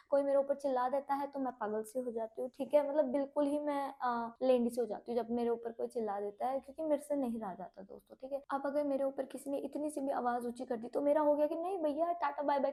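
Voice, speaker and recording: High, mellow-voiced young woman confiding. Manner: speaks openly to viewers in a mix of Hindi and English; subdued and heavy-hearted. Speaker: singer and content creator. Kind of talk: candid confessional vlog.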